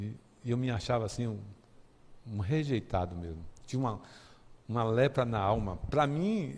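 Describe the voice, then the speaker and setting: A man from Brazil preaching a sermon and telling his own story, impassioned and rising to near shouting at the peaks, with halting restarts and repeated words. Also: mid-range voice, long reverb tail. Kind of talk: sermon with personal testimony. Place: church sanctuary.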